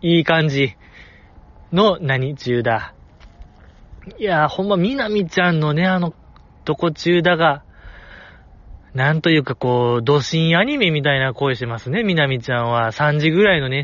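A man's voice: fairly high pitch, fairly bright tone, no room sound, dull audio. A man with a Kansai accent talking casually outdoors, reviewing voice performances and playfully acting out the lines he quotes. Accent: Kansai Japanese. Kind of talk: casual solo talk. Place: outdoors in the cold.

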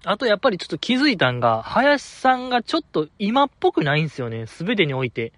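A fairly high-voiced man with a Kansai accent carries a solo podcast in a loose, chatty monologue. His pitch swings widely as he jokes and wanders between tangents. The sound is close and dry, with no room around it. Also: quick pace, dry recording. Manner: chatty, animated, laughs often, digresses. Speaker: podcast host. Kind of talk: casual solo podcast chat.

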